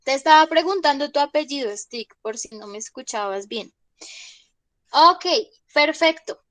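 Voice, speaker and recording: A woman's voice: high-pitched, expressive, measured pace, fairly bright tone, no room sound. A woman teaching English online, explaining patiently, asking her students questions and repeating examples. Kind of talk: online class explanation in Spanish.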